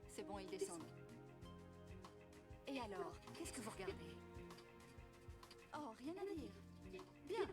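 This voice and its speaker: An actress voicing a hardened woman crook in a dubbed game cutscene, sharp and contemptuous. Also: medium pitch, big pitch swings, a little slow, pauses often, echoey room, over music. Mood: scornful.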